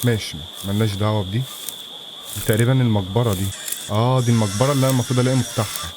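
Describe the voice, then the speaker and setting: This Egyptian-accented man's fairly low voice keeps a steady tone but races along as he plays a horror game for his channel. Jumpy, he mutters nervously to himself, and the recording is very noisy.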